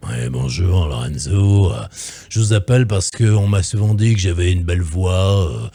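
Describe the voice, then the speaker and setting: A man playing a male caller who puts on a forced, suave, deep voice, speaking slowly with hesitant fillers. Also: expressive, warm tone, dry recording. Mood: smug. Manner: slow, affected, with hesitant fillers.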